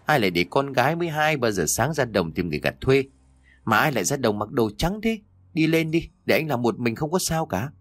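A man voicing a blunt young farmer who talks gruffly, like an older brother scolding. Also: medium pitch, very animated, a little fast, no echo, pitched above the performer's own voice.

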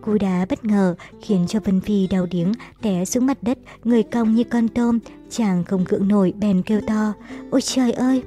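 A woman reading a novel aloud in a steady, even storytelling manner. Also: medium pitch, moderate pace. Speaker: audiobook narrator. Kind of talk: scripted novel narration. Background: faint music.

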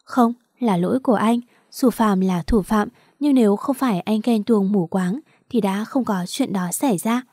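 A woman voicing a remorseful young man who gently apologizes to his lover. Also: medium pitch, moderate pace, hardly any pauses, dry recording, clean studio sound, lightly acted. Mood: tender remorseful.

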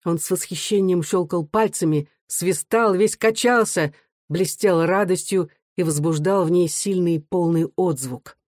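Audiobook narrator, measured and expressive, mid pitch, dry close recording. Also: dry recording. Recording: dry close studio sound.

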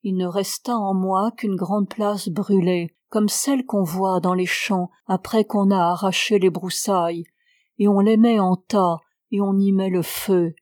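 A woman reading a novel aloud in a measured, even narration. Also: medium pitch, no room sound, clean studio sound. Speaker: audiobook reader.

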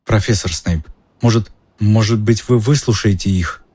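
A timid, hesitant schoolgirl, as a male storyteller puts her on. She stammers her words in a slightly husky voice. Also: fairly low pitch, normal speed, warm tone, lightly acted.

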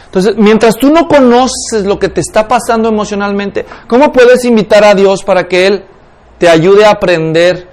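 A man's voice: sits high, normal speed. A man teaching a class in a lecture on spiritual life, constantly questioning his students. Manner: keeps asking the class questions.

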